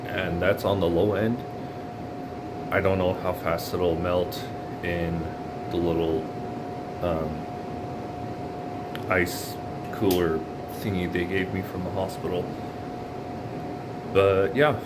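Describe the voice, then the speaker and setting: A man giving a casual video diary, weary, subdued and halting with long pauses, sounding weak and in pain after surgery. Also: sits low, flat delivery, heavy background noise.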